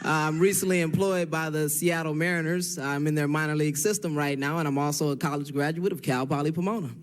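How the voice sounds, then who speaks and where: A man's voice: a little high, fairly even intonation, quick pace, a little hiss or hum. A man in his twenties from Los Angeles, a game show contestant, speaking politely and a bit hesitantly in a studio. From Los Angeles, California. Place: TV studio with audience.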